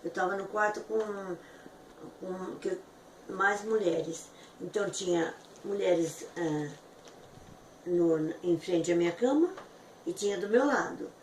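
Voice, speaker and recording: A woman giving an emotional, fervent personal testimony, her voice jumping high at the peaks. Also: slow pace, pauses often, a little mellow. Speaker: testimony giver. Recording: echoey room from far off with faint noise.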